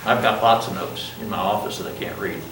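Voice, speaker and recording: A man's voice: low-pitched, fairly even intonation, brisk, background noise. An older man lecturing a college class through a mask, chatty, joking at himself and asking the students questions. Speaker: college instructor. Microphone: masked, speaking in a classroom. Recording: roomy classroom sound from a distance.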